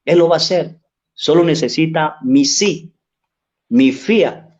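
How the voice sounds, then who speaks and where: Rich: A middle-aged Mexican priest preaching a sermon in a slightly high-pitched male voice. He speaks earnestly and pleads with his listeners, working through stories and pausing to ask if they follow. The recording sounds dull and lo-fi. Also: darkish tone. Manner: earnest, pleading, tells stories, asks "¿sí?" often.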